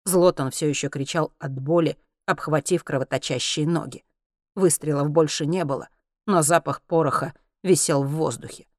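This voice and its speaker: An audiobook narrator reading a science-fiction story in a steady, measured way. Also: mid-range voice, no room sound, studio quality.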